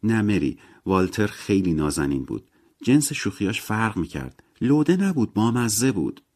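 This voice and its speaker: A man voicing a lively, wry young mother who talks in an animated, emphatic way in a story reading. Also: fairly low pitch, voice pushed up. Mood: insistent.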